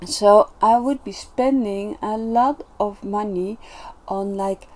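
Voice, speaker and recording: A woman shares personal reflections in an unhurried vlog monologue. Her voice is mellow and soft-toned, her delivery gentle and earnest, with frequent pauses and restarts as she gathers her thoughts. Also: medium pitch. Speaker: self-development vlogger.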